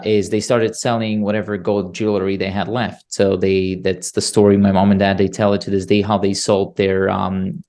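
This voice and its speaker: A young man from Bulgaria hosting an interview, telling a story in an animated way on a podcast mic. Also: on the low side. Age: young adult. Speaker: podcast host. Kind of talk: interview conversation. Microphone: podcast mic on boom arm.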